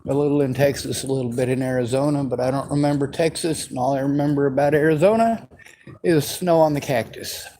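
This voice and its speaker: A man's voice: mid-range voice, steady tone, brisk, dark tone, low-quality recording. Male, 40s, vlogger, bitter and sweary, light hiss behind the voice. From western United States. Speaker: vlogger answering viewer questions. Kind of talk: angry unscripted monologue.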